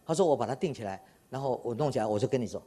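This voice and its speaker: An older man giving a public science lecture, telling anecdotes with animated quoted dialogue and laughter. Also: mid-range voice, rapid-fire, slightly rough. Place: lecture hall.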